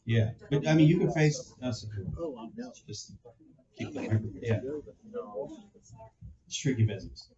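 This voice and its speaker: A man's voice: medium pitch, animated, normal speed, pauses often. A man on a community meeting panel answering questions and giving casual, loosely phrased advice. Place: meeting hall. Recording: dull sound with crowd behind.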